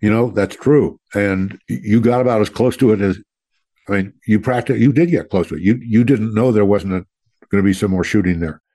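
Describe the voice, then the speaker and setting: A man's voice: fairly low pitch, brisk, warm tone, no room sound. A man hosting a veteran talk radio show, greeting listeners as troops and interviewing a guest in a folksy way.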